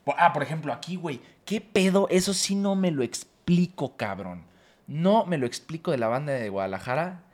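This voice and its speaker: A man's voice: on the high side, expressive, moderate pace, a little mellow. A young man with a Mexico City accent, co-hosting a casual podcast chat in a crude, joking way and slipping into mimicked voices. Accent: Mexico City Spanish. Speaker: podcast co-host.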